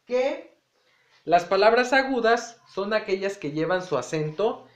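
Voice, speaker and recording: A man teaching an exam-prep lesson in a chatty way, repeating words and checking in with "ok?". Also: high-pitched. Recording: echoey room, dull lo-fi sound.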